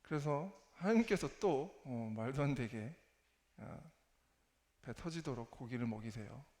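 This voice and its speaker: A man giving a church testimony in Korean in a hesitant, self-deprecating and halting manner. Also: mid-range voice, animated, darkish tone. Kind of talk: church testimony, spoken sermon. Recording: echoey hall with long reverb.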